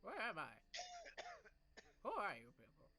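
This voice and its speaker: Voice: mid-range voice, huge pitch swings, a little slow, sharp tone, pitched above the performer's own voice, full character voice. A game master voicing a very old harengon rabbit-folk elder, a confused old person who is cranky but determined, in a tabletop fantasy game.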